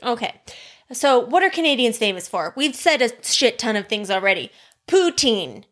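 Woman co-host, slightly high voice, giggly and playful chat. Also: big pitch swings, moderate pace, a bit bright. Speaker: podcast co-host. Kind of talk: casual chat.

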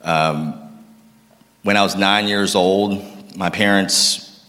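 In a large room with long reverb, a Massachusetts man in his thirties tells his life story to an audience. His voice is deep, steady and slow with a sharp tone. He is casual and self-deprecating and jokes with the crowd.

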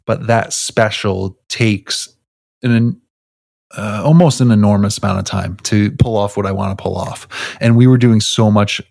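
A man's voice: lowish voice, a little slow, vocal fry, darkish tone, no echo, clean studio sound. A man co-hosting a podcast in casual chat, rambling and restarting his sentences, laughing often. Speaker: podcast co-host.

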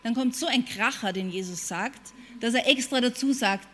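A woman's voice: a little high, normal speed, a bit bright. A woman preaching a sermon, emphatic, repeating her points and putting questions to her listeners. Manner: emphatic, repeats phrases and asks the audience questions.

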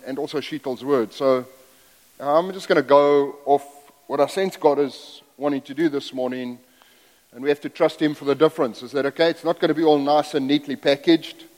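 A man's voice: fairly high pitch, brisk, darkish tone. A middle-aged man from Zambia, raised in South Africa, preaching as a guest in a church in a folksy, self-deprecating way, rambling into asides. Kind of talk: sermon. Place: church sanctuary. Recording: long hall reverb.

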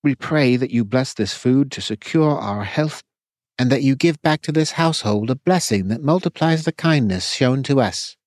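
Man doing a reverent young monk in a storybook, formal, lilting, with a higher tone. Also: animated, moderate pace, darkish tone, no room sound, lightly acted. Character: earnest young male monk, cautious.

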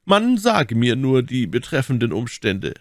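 A man voicing a refined musketeer in an audiobook reading, reading a letter carefully and softly. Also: medium pitch, big pitch swings, unhurried, dry recording, clean studio sound, voice pushed up. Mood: confiding.

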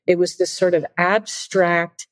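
A middle-aged woman speaks in a somewhat low voice, telling animated, self-deprecating stories in a relaxed interview. The sound is close and dry, with no room echo. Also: a little slow. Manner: animated, self-deprecating anecdotes with frequent laughter. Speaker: conductor and podcast guest. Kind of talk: casual interview storytelling.

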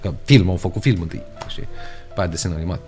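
A Romanian voice actor chatting as a podcast guest, animated and playful, slipping into sound effects. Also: male voice, sits low, faint music behind. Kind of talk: casual podcast chat.

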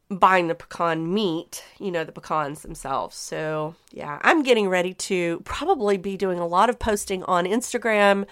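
A woman's voice: medium pitch, a bit bright, clean tone. A woman hosting a podcast, chatting in a rambling, easygoing way and laughing often. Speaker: podcast host. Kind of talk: casual solo podcast chat.

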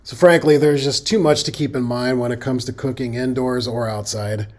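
A man's voice: mid-range voice, steady tone, normal speed. A middle-aged man with a Midwestern accent, hosting a safety podcast in a folksy, conversational monologue that now and then corrects itself.

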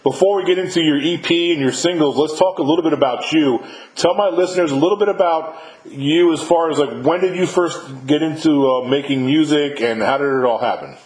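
A man in his fifties hosts a relaxed interview over a remote call, rattling along quickly and calling his guest "man" again and again. His voice bounces around a noticeably roomy space, so every phrase carries a little echo. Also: fairly high pitch. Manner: easygoing, says "man" a lot. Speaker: podcast host. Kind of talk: casual interview.

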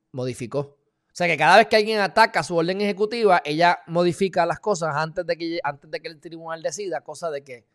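A man with a Puerto Rican accent giving emphatic, heated commentary in a casual live video, talking straight to his viewers with sudden loud bursts. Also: fairly high pitch. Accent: Puerto Rican Spanish. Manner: informal, addresses viewers as "mi gente". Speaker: live-stream political commentator.

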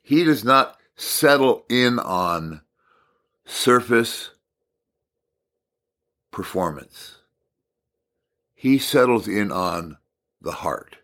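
Delivering a devotional lesson, this man speaks at a fairly low pitch in an unhurried, calm manner with reflective pauses. A slight rasp from extended talking colours his voice.

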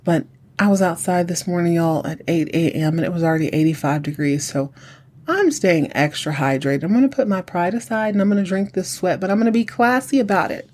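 A middle-aged podcast host with a husky voice, chatting solo in a campy, sassy drag-queen manner, sounding like a woman. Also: medium pitch, brisk, a little mellow. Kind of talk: chatty solo recap commentary.

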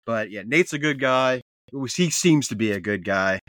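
Bright-voiced male podcast co-host. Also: medium pitch, expressive, normal speed, dry recording, clean studio sound. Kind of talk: casual chat.

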